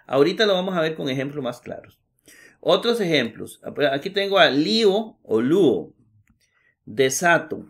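A middle-aged man teaching Greek grammar in a recorded class, explaining slowly and repeating examples with many hesitations. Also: on the high side, very animated. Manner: slow, patient, repeats examples with many "eh" fillers.

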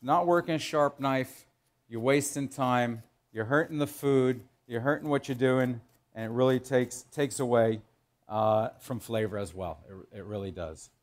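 This instructional cooking demo comes from a middle-aged chef who explains while working in an indoor professional teaching kitchen. He speaks in an informal, halting way, repeats phrases for emphasis, and has a mid-range voice.

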